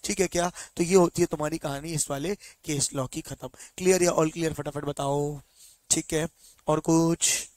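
Man, teacher, high-pitched, dry close sound, exam-prep lecture, quick check questions. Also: fairly even intonation, a little mellow, no room sound. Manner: keeps quizzing students with quick check questions; mixes Hindi with slow English read-outs from the text.

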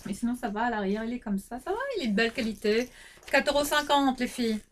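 A woman's voice: on the high side, quick pace, a little hiss or hum. Rambling woman showing off a clothing haul. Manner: rambling, lots of fillers and restarts. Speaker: fashion vlogger. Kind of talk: casual haul vlog.

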